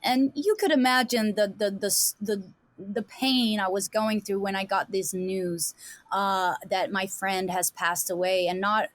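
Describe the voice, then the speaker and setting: On a podcast, a woman from Denmark, a musician with a Danish accent, talks casually and rambles, full of fillers and restarts. Her mid-range voice is steady and a little slow, in a dry recording.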